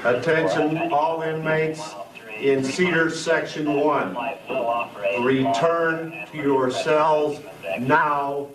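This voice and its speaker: A prison officer, a man, giving slow, commanding orders through a megaphone. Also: on the high side, fairly even intonation, over a noisy crowd. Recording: echoey, distant, loud music over it.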